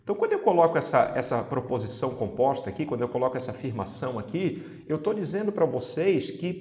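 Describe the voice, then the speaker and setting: Recorded in an echoey room with slightly dull audio, a man with a southern Brazilian accent runs a casual exam-prep class. His medium-pitched voice is a little mellow and sing-song, and he talks fast, explaining things in a chatty way and often asking whether listeners follow.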